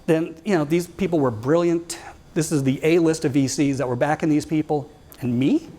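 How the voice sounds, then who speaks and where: A man's voice: fairly high pitch, normal speed, dark tone. A man in his fifties giving a wry, conversational storytelling talk to a live audience and putting questions to the crowd. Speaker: guest speaker.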